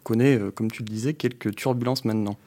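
A man's voice: on the low side, steady tone, fast talker, dark tone. A man, a deputy editor, explaining things in a podcast discussion, hesitant with many restarts. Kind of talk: casual discussion.

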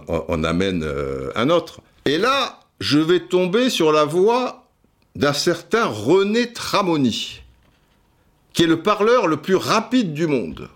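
Rambling animated French podcast host. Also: male voice, fairly high pitch. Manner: rambling and digressive, many restarts and asides. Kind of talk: casual storytelling monologue.

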